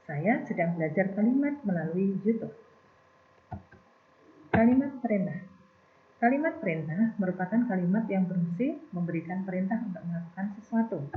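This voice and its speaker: A woman teaching a grammar lesson, explaining step by step and trailing off softly at the ends of phrases. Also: mid-range voice, lively intonation, moderate pace. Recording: tinny phone-like recording.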